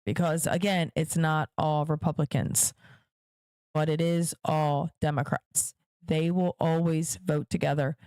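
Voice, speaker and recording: This podcast host has a deep, darkish voice and a flat, unhurried delivery with no echo. She gives her viewers emphatic political commentary directly, repeating key points to stress them.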